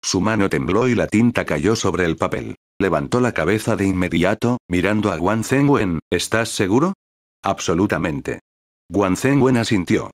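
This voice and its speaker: A male audiobook narrator with a very low voice and a steady, even delivery. The sound is close and completely dry. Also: normal speed, no echo.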